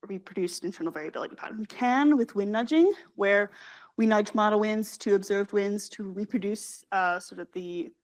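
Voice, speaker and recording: A young woman, a graduate student, presenting her research at a scientific conference, talking quickly with many fillers and self-corrections. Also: medium pitch. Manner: fast, hurried delivery with frequent fillers and self-corrections.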